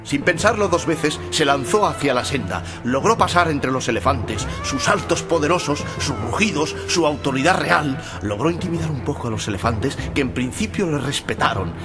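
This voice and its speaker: A man narrating a storybook audio drama with brisk, dramatic storytelling. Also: a little high, expressive, over music.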